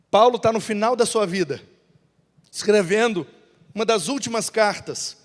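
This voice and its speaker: A man preaches with a high, lively voice. His sermon rolls through a church hall with a long reverb trailing each phrase. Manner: lively preaching, acts out biblical dialogues in voices. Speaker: pastor.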